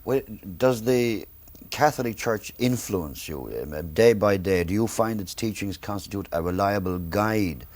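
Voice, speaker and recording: A man conducting an interview, putting measured, articulate and probing questions. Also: on the low side, darkish tone.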